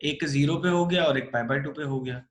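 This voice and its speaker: A man's voice: on the high side, fairly quick. A man teaching a math class online, coaxing and joking with his students as he works through problems. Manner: animated, coaxing students, calls them kids. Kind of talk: live online class lecture.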